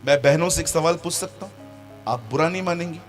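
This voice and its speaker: A man's voice: fairly high pitch, fast, soft background music. A man preaching a sermon as pastor in a church meeting, joking with the congregation and mimicking its members.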